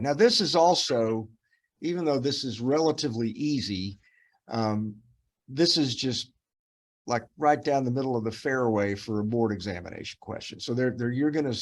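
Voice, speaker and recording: A man's voice: medium pitch, normal speed. A man teaching a dermatopathology case review over a video call, explaining patiently with many fillers and restarts.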